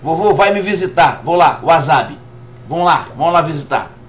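Chatting playfully with his live-stream audience while gaming, this Brazilian Portuguese speaker in his fifties keeps repeating "rapaz." His voice is a little high, with lively intonation, and he talks at a normal pace.

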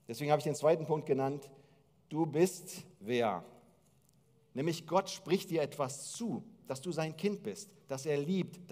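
A man in his forties preaching a sermon on a church stage, telling stories with lively gestures. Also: mid-range voice. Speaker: pastor. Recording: long hall reverb.

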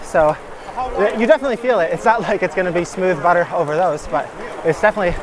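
This high-voiced American from Michigan talks quickly as he bikes down a gravel country road, filming a casual, upbeat vlog. The low-quality recording picks up crowd noise.

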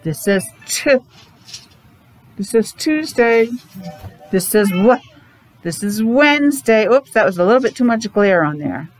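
A masked, middle-aged preschool teacher asks questions during a children's morning meeting, using simple, sing-song talk that comes through a little muffled. Her medium-pitched voice is expressive and somewhat slow, with frequent pauses, and faint music plays behind her. The noisy classroom is recorded by a device microphone roughly arm's length away.

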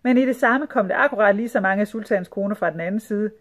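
A woman narrating a children's storybook with a lively, expressive read. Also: medium pitch. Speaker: audiobook reader.

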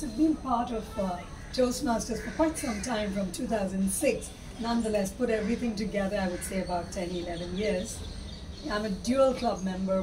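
A middle-aged woman giving an articulate, gracious self-introduction at a club meeting in an open-air pavilion, recorded by a far camera. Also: mid-range voice. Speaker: visiting club member. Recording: distant with background noise.

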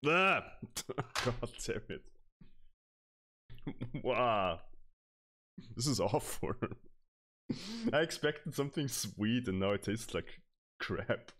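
A man's voice: mid-range voice, sing-song, drawn-out words, pauses often, a bit bright. A young man from Austria chatting casually with his stream chat while playing, laughing often and answering questions. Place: small room at home, indoors. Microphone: headset microphone.

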